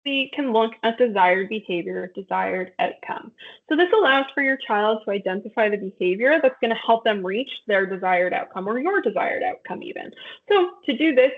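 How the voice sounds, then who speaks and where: A woman's voice: on the high side, lively intonation, moderate pace. A woman presenting an online parenting workshop, explaining steps patiently with frequent ums. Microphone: video call. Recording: tinny phone-like audio.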